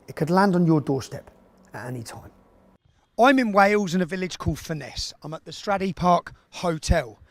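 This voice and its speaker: A man narrating a documentary in an emphatic, sarcastic manner. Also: high-pitched.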